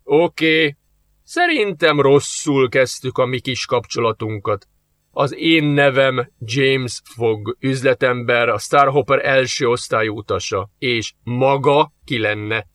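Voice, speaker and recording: A man reading aloud, voicing a suave, mocking male demon who talks slowly and teasingly. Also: medium pitch, a bit bright, no echo, lightly acted. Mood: smug. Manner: smug, slow and teasing.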